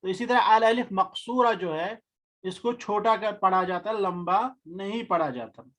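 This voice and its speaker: Guy from india teaching grammar, high pitched, repeats stuff slowly. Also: fairly bright tone. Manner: patient, repeats key terms slowly. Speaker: Arabic teacher. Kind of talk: explaining a grammar lesson.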